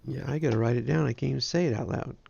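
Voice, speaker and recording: Nasal, gravelly-voiced man. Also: mid-range voice, very fast, warm tone, lo-fi sound, slight background noise. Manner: rambling, self-deprecating. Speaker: ham radio livestream host. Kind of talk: casual chat.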